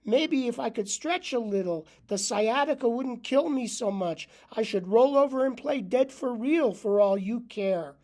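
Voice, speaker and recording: A man's voice: very high-pitched, measured pace, few pauses, a little mellow, pitched above the performer's own voice. A man voicing a grumpy old male talking dog who complains nonstop, sprinkling in Yiddish words. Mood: aggrieved.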